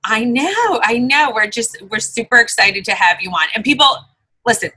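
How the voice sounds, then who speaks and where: Bright-voiced, gushing American woman co-host. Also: fairly high pitch, lively intonation, normal speed, breathy edge. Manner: gushing, emphatic, repeats phrases. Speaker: podcast co-host. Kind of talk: casual chatty interview hosting.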